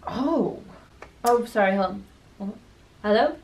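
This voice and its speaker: Chatty young woman, lively pitch. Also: slow pace. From rural Ireland. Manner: chatty, frequent "you know" and "like" fillers. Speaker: beauty business co-owner. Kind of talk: casual Q&A chat. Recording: slightly distant mic with faint noise.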